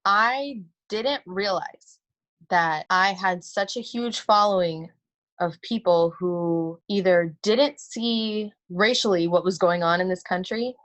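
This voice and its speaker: A woman's voice: medium pitch, a bit bright, muffled recording. Earnest young woman speaking out. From United States. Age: 20s. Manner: passionate, deliberate and outspoken. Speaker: guest. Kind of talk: earnest interview talk.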